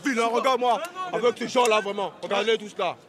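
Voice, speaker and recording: A man acting a blustering traveler who leads his group and is quick to anger, in a comic sketch. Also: medium pitch, lively intonation, close to an everyday voice. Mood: furious. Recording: crowd noise behind. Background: airport crowd noise.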